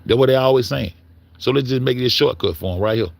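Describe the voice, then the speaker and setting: A fast-talking commentator with a mid-range voice and vocal fry delivers a fiery, foul-mouthed rant. He fumbles his words and says things over again while pressing his point.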